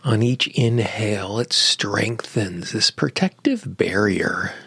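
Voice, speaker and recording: A man with a gravelly, husky, slightly low voice leads a guided relaxation, drawing out every phrase very slowly and softly. Now and then he drops into a near whisper. The recording is dry and close. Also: no echo. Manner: slow, soothing, drawn-out phrasing with long pauses. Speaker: meditation guide.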